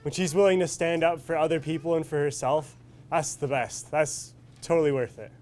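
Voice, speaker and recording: A man's voice: on the high side, fairly even intonation, normal speed, darkish tone. An eighteen-year-old man answering panel questions in an upbeat, enthusiastic way. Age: teens.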